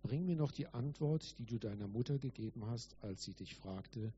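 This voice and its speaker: A man's voice: medium pitch, animated, normal speed, warm tone, highs cut off, slight background noise, lightly acted. A man reading the lines of the child Jesus in a story, with an earnest, emphatic manner. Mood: gentle. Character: the child Jesus, gentle and kind.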